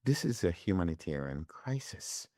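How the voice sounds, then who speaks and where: A man's voice: deep voice, sing-song, a little slow, mellow, dry recording, clean studio sound. A man, a guest in an interview, answering emphatically and repeating phrases for stress. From Barbados. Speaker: guest, international law scholar.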